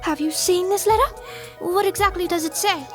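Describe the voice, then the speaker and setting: A woman's voice: extremely high pitch, normal speed. A woman voicing a prim, dramatic posh unicorn mare in a fan game dub, with refined theatrical diction. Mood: refined worry. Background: music.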